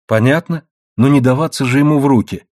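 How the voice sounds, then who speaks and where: A man's voice: mid-range voice, brisk, a little mellow, dry recording, clean studio sound, voice pushed up, close to an everyday voice. A man voicing a fiery, anxious young woman who pleads with and scolds her lover in an audiobook reading. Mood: pleading. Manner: pleading, exasperated.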